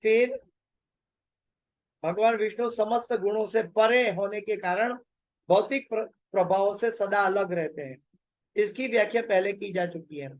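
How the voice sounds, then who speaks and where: A man teaches scripture in a measured lecture, his voice sitting high for a man. He takes his time, pausing on fillers and repeating phrases so they sink in. The sound is dry and close, with little room around it. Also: dry recording, low-quality recording. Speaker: Bhagavatam lecturer.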